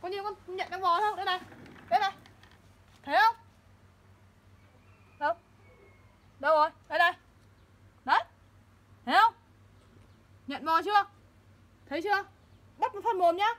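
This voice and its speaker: A woman's voice: very high-pitched, moderate pace, pauses often, a bit bright. A mother at home, urging and scolding her child again and again to hurry. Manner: urgent, repetitive coaxing and scolding. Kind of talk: home video, coaxing a child. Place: home, indoors.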